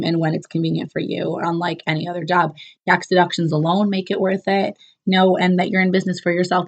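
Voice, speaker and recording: A woman gives a casual recap to the camera as a business coach, chatty and upbeat, with lots of fillers and restarts. A cold makes her voice sound lower and rough.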